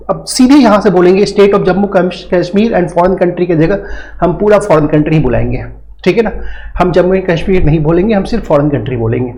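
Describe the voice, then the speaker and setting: A man teaching a law class. He reads the legal text slowly, repeats each point and puts questions to his students. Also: on the high side, darkish tone, low-quality recording. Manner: reads legal text slowly in English, then explains in Hindi. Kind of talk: recorded law lecture.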